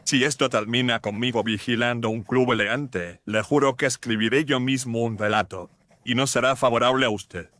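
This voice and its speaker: A man's voice: mid-range voice, normal speed, a bit bright, dry recording, natural voice. A man voicing a grumbling, put-upon police inspector in an audio drama, recorded dry and close. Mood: grudging. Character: grumbling male Scotland Yard inspector.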